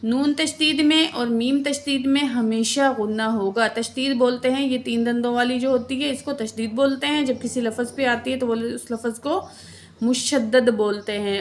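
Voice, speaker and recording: A woman teaching tajweed, who spells each word letter by letter and then chants the verse slowly and drawn out. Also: a little high. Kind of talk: word-by-word recitation lesson.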